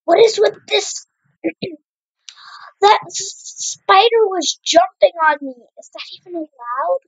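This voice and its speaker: Very high-voiced and lively in intonation, this young gaming channel host takes it slowly as she comments on her own Minecraft play. She chats, exclaims at on-screen moments, coughs a little and clears her throat. The recording is rough.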